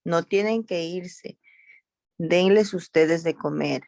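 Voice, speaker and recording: A woman reading aloud the words of Jesus as a calm grown man teacher. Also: lowish voice, takes it slowly, vocal fry, dry recording, clean studio sound.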